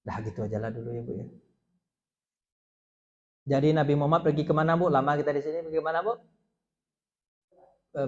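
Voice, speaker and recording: A man's voice: fairly high pitch, a little mellow, muffled recording. A man giving an informal religious lecture to a group of women, chatty and often asking them questions. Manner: chatty, asks the audience questions, acts out stories. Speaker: Islamic preacher.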